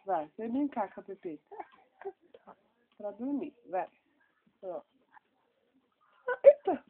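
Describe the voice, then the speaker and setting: A woman's voice: mid-range voice, sing-song, slow, husky, phone-quality sound. A Brazilian mother cooing in singsong baby talk, playing peekaboo at home late at night and recorded on a phone. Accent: Brazilian Portuguese. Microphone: phone held close.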